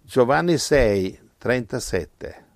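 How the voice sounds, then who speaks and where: Slow gravelly preacher guy, goes quiet then bursts out loud, dry sound. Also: lively intonation, no room sound. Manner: impassioned, swinging from low murmurs to loud exclamations. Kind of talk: evangelical sermon.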